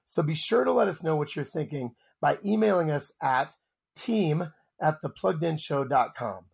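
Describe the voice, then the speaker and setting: Male podcast host, upbeat, husky with some fry. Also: fairly high pitch, animated, moderate pace. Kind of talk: casual chat.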